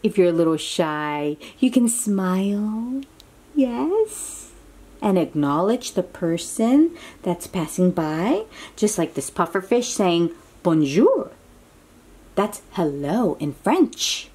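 A slow, animated woman with a medium-pitched, husky voice reads a picture book to young children. She encourages, exclaims and asks the listener questions, mixing chatty asides into the storytime.

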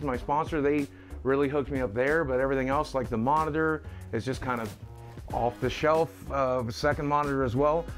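In this indoor house tour, a middle-aged man with a mid-range voice speaks casually and candidly to the camera while poking fun at himself. He's an online video creator leading viewers from room to room, and music runs in the background.

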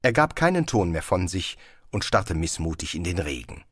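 A man narrating an audiobook in a dry, measured storytelling manner. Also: deep voice, sing-song, a bit bright, husky, no echo. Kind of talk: scripted narration.

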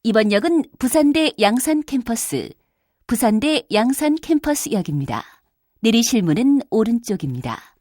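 A woman's voice: fairly high pitch, big pitch swings, normal speed, a little mellow, no echo, studio quality. Woman giving a subway stop announcement. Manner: polite, formal, evenly paced. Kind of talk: prerecorded train station announcement.

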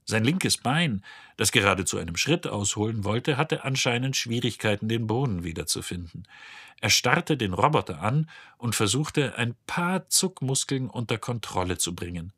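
A man reading an audiobook in scripted narration, husky and measured. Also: fairly low pitch, animated, fairly bright tone, no echo.

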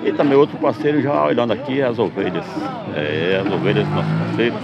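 A man's voice: lowish voice, quick pace, vocal fry, over a noisy crowd. A man from Pernambuco, cheerfully narrating a casual vlog from an outdoor street market. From Pernambuco, Brazil. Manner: upbeat, repetitive greetings to viewers. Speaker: vlogger. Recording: dull lo-fi sound, loud street noise.

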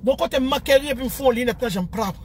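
A woman's voice: high voice, animated, a little fast, darkish tone, a little hiss or hum. A Haitian woman telling a comic personal story, breaking into mock wailing and laughter and switching between Creole and French. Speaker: social media storyteller.

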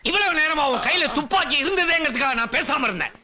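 A man's voice: very high-pitched, lively intonation, fast, very noisy. An actor playing a stern older father-in-law who reproaches and taunts in melodramatic film dialogue. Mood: taunting.

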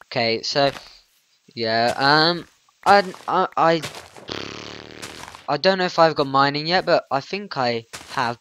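A man's voice: medium pitch, fairly bright tone, a little hiss or hum. A man rambling through let's-play commentary, flustered, grumbling and poking fun at himself. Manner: flustered, grumbling, self-mocking. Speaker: gaming channel host.

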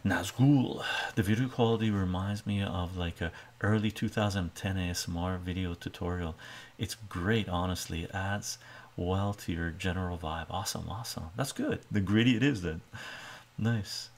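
An older man chats softly in his kitchen in front of a webcam, his low voice carrying a gravelly edge. He is a relaxed live streamer who answers viewers one by one and keeps checking in with "right?". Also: normal speed. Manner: relaxed, reads viewer comments aloud, often tags on "right?". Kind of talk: soft-spoken casual live-stream chat. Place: home kitchen, indoors. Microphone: webcam framing at the counter.

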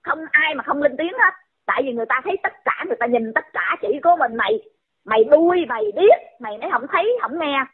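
A woman's voice: high-pitched, animated, quick pace. A woman, scolding someone in a heated rant and firing off repeated insulting questions. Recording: tinny phone-line audio.

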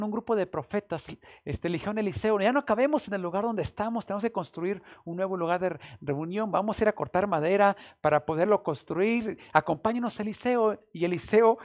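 Gravelly-voiced pastor preaching. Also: male voice, high-pitched. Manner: earnest, many fillers and restarts, rises to loud exclamations. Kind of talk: sermon. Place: small room, recorded instead of a live stream.

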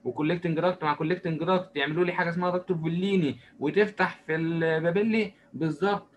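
Rapid-fire Egyptian man lecturing. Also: a little high, muffled recording, a little hiss or hum. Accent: Egyptian Arabic. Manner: asks and answers his own questions in a lively, joking way. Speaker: medicine lecturer. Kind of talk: recorded lecture explaining while drawing.

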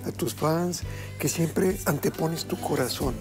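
A man's voice: a little high, takes it slowly. Middle-aged guy hosting a tv kitchen show, gushy and preachy, lapel mic, music under him. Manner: effusive, flattering, preachy. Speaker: TV cooking show host. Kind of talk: warm effusive studio chat. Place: TV kitchen studio set.

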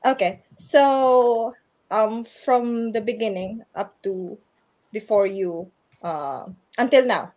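Speaking slowly in a slightly high, darkish voice, this Filipino-accented guest speaker from the Philippines teaches English in Japan. Over a video call she answers online orientation interview questions with earnest advice, often breaking into laughter.

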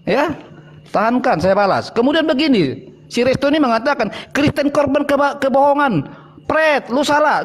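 A man with a strikingly high voice argues in an online debate. He mocks and provokes his opponents with open scorn.

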